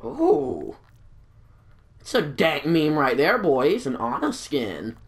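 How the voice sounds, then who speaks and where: A young gaming YouTuber with a stuffed-up nose and throat chats casually while playing a video game, rambling, apologizing and putting himself down. His voice is fairly high with huge pitch swings, and he speaks slowly over faint music.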